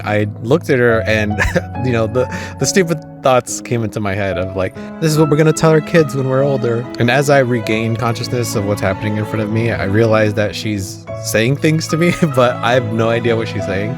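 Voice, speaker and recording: A young man telling comedic travel stories outdoors, self-deprecating with wry asides. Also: medium pitch. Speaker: travel vlogger.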